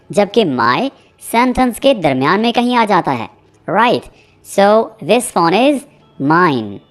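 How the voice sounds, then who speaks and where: A man teaching a spoken English lesson. He repeats example sentences slowly and checks in often with "theek hai.". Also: sits high. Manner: explains with frequent "theek hai" check-ins.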